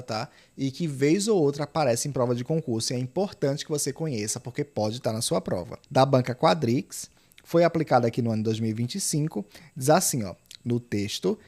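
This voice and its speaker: Brazilian male exam-prep teacher, mid-pitched, step-by-step, punchy asides. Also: a little mellow. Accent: Brazilian Portuguese. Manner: explains step by step, often adds "tá?" and "ó"; stresses key points with emphatic, urgent appeals. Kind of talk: online grammar lesson.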